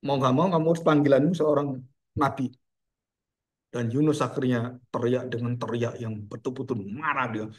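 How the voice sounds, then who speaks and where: A man preaching a sermon as pastor, animated, acting out dialogue and swinging from loud outbursts to hushed, solemn lines. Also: mid-range voice, moderate pace.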